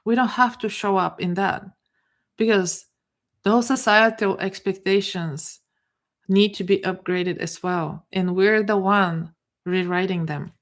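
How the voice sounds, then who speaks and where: This is a live coaching talk by a middle-aged woman with a Bulgarian accent, medium in pitch with fairly even intonation. She speaks without a script, hesitating, restarting and repeating words as she reaches for them.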